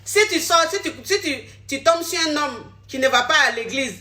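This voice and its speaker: A woman speaks to her viewers as a relationship coach. Her voice sits high and bright. She is blunt and scolding and repeats her points again and again. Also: lively intonation, moderate pace. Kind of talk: direct-to-camera social media talk.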